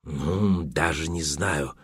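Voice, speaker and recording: A man's voice: rumbling low, slow pace, fairly bright tone, husky, dry recording, studio quality, pitched below the performer's own voice, heavily acted. A man reading an audiobook, voicing a chatty, coy old concierge who rambles and hesitates.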